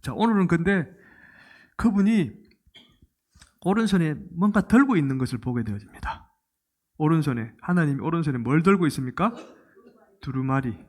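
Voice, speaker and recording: A man's voice: fairly high pitch, normal speed, long pauses. A middle-aged man preaching a sermon as a pastor, telling the story with animation and asking the congregation questions. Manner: animated storytelling, asks the congregation questions and acts out quoted lines.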